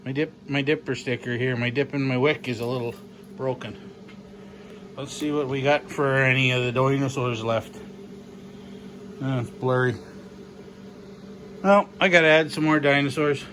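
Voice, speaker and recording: A man's voice: mid-range voice, fairly even intonation, normal speed, pauses often, noisy background. A man vlogging about his engine work, rambling and joking as he goes, swearing casually. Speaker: mechanic vlogger. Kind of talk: casual workshop vlog.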